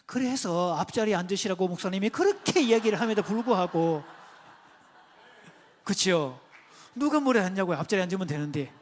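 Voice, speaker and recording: A man giving a church seminar lecture on parenting, telling counseling stories and asking the audience questions. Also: sits high. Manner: conversational, asks the audience questions; tells counseling stories and points at slides. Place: church hall before an audience.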